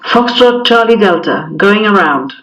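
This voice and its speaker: High-voiced man making pilot radio calls over a distant cockpit headset. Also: animated, a little slow, fairly bright tone. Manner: clipped, formulaic radio phrasing. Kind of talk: demonstrating aviation radio calls.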